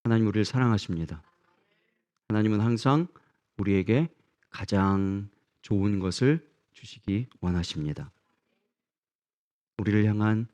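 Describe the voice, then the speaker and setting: Earnest low-voiced male pastor preaching. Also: darkish tone. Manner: earnest, asks the congregation questions. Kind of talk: sermon.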